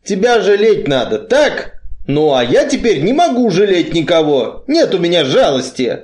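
A big, gloomy strongman with a muffled, blunt way of speaking, voiced by a man reading aloud. He talks slowly and heavily, and his voice sits a touch high. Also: sing-song, a little mellow. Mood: grim. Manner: muffled, blunt, slow and heavy.

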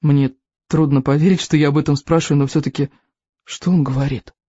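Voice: mid-range voice, steady tone, a little fast, mellow, slightly rough, dry recording, lo-fi sound, close to an everyday voice. A storybook narrator voicing a nervous, bookish Viking boy asking hesitantly. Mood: puzzled.

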